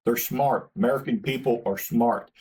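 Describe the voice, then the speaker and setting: A man's voice: mid-range voice, normal speed, darkish tone, slightly rough, low-quality recording. A man hosting his own channel, delivering a blunt, indignant political opinion rant with swearing. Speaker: channel host.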